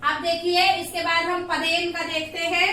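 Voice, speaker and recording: A woman's voice: very high-pitched, monotone, normal speed, pushed and bright, very echoey, far from the mic, slight background noise. A woman teaching grammar, patiently repeating sounds and asking checking questions. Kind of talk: classroom lesson.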